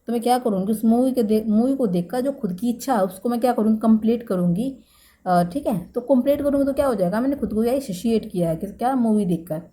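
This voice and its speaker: A woman teaching English vocabulary for exam prep. She explains slowly, repeats each key word and often checks in with the class. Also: medium pitch, warm tone, slight background noise. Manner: explains slowly and repeats key words, with many "thik hai" check-ins.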